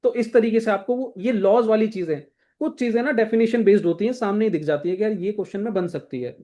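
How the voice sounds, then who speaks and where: A young man speaks quickly in a high, mellow voice while coaching students through textbook chapters before an exam. Casual and directive, he often checks on his listeners with "thik hai."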